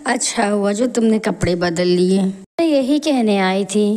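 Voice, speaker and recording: A woman voicing a harsh middle-aged mother-in-law in an animated moral story, who scolds with sharp taunts. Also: medium pitch, unhurried, pitched below the performer's own voice, close to an everyday voice. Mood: scolding.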